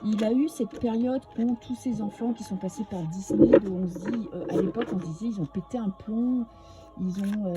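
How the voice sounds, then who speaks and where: Woman, French accent, tarot reader, very warm dark tone, hesitant chatty delivery, faint background music. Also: a little high. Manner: chatty, hesitant, many fillers and restarts. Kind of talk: casual tarot reading monologue.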